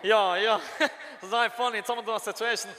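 A man's voice: sits high, steady tone, fast talker, bright, forceful tone, slight background noise. A man in casual chat, playful, echoing others' words back.

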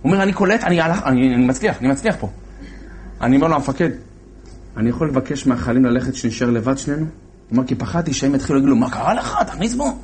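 A man telling a religious story as a sermon in an animated way, acting out the voices of the characters. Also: medium pitch, a little hiss or hum.

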